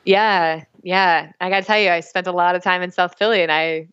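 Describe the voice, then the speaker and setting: Female academic guest, low-pitched and enthusiastic, dry muffled remote sound. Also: fairly even intonation, fairly quick, fairly bright tone, clear, resonant tone. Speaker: language researcher. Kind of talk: interview answers.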